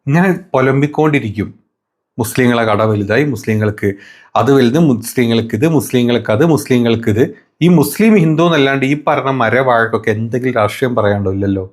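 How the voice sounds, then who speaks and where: A man's voice: medium pitch, quick pace. A man hosting political commentary, mocking debate clips with sarcastic, crude insults and mock-affectionate taunts.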